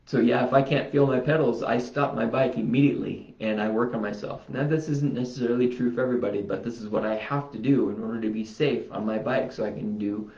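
An unhurried man vlogs casually while demonstrating a self-healing routine, rambling and talking to himself as he goes. His mid-range voice has a darkish tone, and the sound is roomy, dull and lo-fi.

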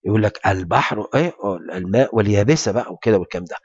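A man with an Egyptian Arabic accent teaching an English grammar lesson, explaining in quick Arabic and reading English examples out slowly and carefully. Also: fairly low pitch, breathy edge, dry recording, clean studio sound.

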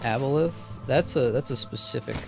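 A man's voice: mid-range voice, moderate pace, creaky, over music. A man streaming a shooter game, joking and swearing in casual chat with a friend.

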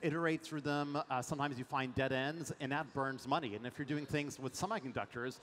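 A middle-aged French venture investor speaks a little fast in a mid-range, somewhat bright voice. He is energetic and uses many fillers in a fireside chat on a big conference stage, wearing a headset mic, with long hall reverb and faint ambience.

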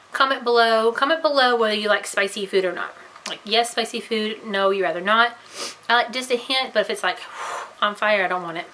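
Woman vlogger, chatty and giggly, bright forceful voice, casual talk to camera. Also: a little high, a little hiss or hum, rough recording. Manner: chatty, giggly, self-deprecating. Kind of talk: casual vlog, tasting candy on camera.

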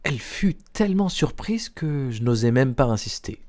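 Mellow, expressive male audiobook narrator. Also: medium pitch, moderate pace. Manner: expressive, dramatic reading. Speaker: audiobook reader. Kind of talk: scripted narration.

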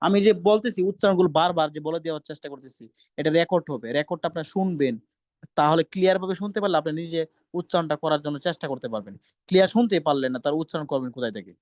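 A man's voice: fairly high pitch, very fast, no echo. A man teaching Quran recitation, drilling letter sounds over and over and sternly scolding students who talk over him. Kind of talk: online class teaching pronunciation.

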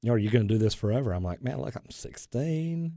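Talking fast in a creaky, mid-range voice, this man tells stories as a plumber guest on a radio talk show. He's an animated storyteller who gestures while chatting casually. He's indoors in a radio studio on a boom mic with headphones, and the sound is studio quality with no room sound.

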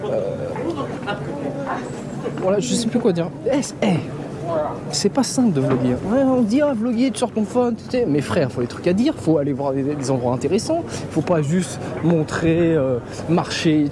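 A man's voice: high voice, expressive, normal speed. Chatty Parisian man vlogging on the street. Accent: Parisian French. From France. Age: young adult. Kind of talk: casual chatty vlog. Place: busy traditional shopping street outdoors. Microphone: handheld camera at arm's length. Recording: street noise behind.

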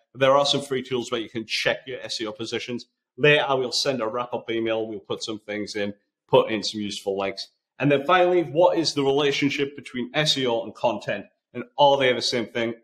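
A man's voice: mid-range voice, fairly bright tone. Geordie man hosting a marketing podcast. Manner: conversational, explaining step by step with lists. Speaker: podcast host. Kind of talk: live podcast answering questions.

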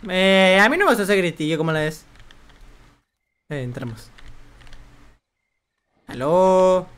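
A young man streaming a video game, commenting excitably, swearing often and yelping when startled. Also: high voice, slow, clean tone. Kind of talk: let's play commentary.

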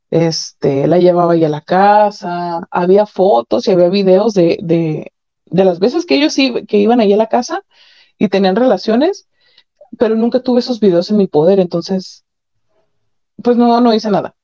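A woman with a mellow, medium-pitched voice shares candid personal experiences over a call at a normal speed. Her telling is frank and matter-of-fact, dotted with nervous laughs, and the highs are cut off.

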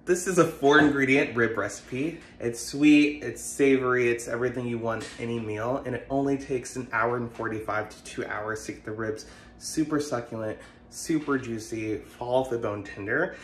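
A man's voice: moderate pace, a little hiss or hum. Playful young man in an echoey kitchen. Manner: playful, chatty, lively pitch swings. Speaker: home cook sharing a recipe. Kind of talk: upbeat cooking video narration. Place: home kitchen and hallway, indoors. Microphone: phone camera held at arm's length. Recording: echoey home kitchen with faint ambience.

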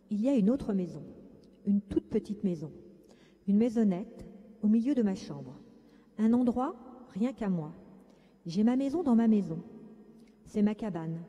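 Barnabé, a gentle boy read by a woman. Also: medium pitch, natural voice. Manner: slow, soothing read-aloud storytelling. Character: sensitive thoughtful young boy, calming his anger. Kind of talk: reading a children's story aloud. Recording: echoey lecture hall.

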